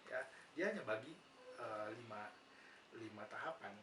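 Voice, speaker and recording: A man's voice: lowish voice, moderate pace. Patient male lecturer, echoey distant room. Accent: Indonesian. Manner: patient, asks rhetorical questions and answers them, frequent "ya" fillers. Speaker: nursing lecturer. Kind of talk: explanatory lecture conversation. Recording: roomy, distant mic, noisy background.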